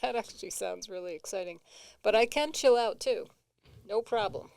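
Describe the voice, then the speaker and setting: A woman's voice: medium pitch, normal speed, gravelly, a little mellow, no room sound. A woman with a New England accent co-hosting comedic banter in a matter-of-fact, dry way. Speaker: co-host.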